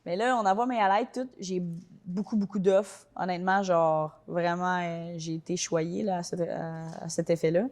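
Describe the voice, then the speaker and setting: A woman's voice: fairly low pitch, fairly even intonation, darkish tone. A young woman from Quebec with a Québécois French accent, chatting casually in an interview with lots of fillers. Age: young adult. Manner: quick, colloquial, many fillers like "genre" and "tu sais". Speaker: interview guest, soccer player.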